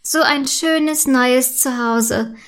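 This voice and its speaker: A woman voicing a soft, wistful little fairy. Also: high voice, steady tone, measured pace. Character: small shy homeless girl fairy. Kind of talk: storybook reading.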